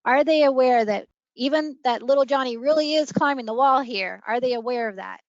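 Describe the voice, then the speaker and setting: This woman's voice sits high and she talks fairly fast, recorded in dull, dry lo-fi sound. She's an early learning trainer teaching preschool teachers online, illustrating points with friendly examples from the classroom.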